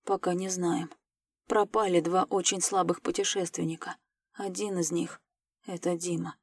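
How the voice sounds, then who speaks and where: A woman reading as a calm, quiet male mentor. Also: sits high, normal speed, breathy edge, no echo. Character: calm grown man, a time-travelling mentor. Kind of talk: audiobook character voice.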